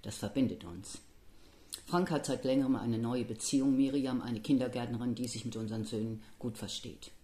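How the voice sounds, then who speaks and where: A man narrating a first-person story in a measured, somber reading voice. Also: mid-range voice, warm tone. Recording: echoey room with faint noise.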